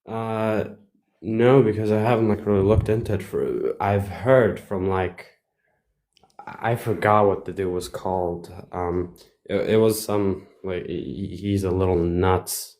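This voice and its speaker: A young man from Bosnia, speaking English as a second language, talks casually in a low voice. He hesitates often, filling gaps with fillers and restarting his sentences. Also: fairly even intonation, measured pace, a little mellow. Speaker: livestream guest. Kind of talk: casual chat.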